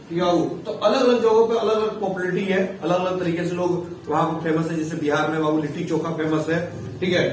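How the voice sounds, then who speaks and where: A man teaching a civics lesson to students in a casual way, often checking in with his listeners as he explains. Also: fairly high pitch. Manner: casual, repeats "theek hai" and calls students "babu". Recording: echoey, far from the mic, faint noise.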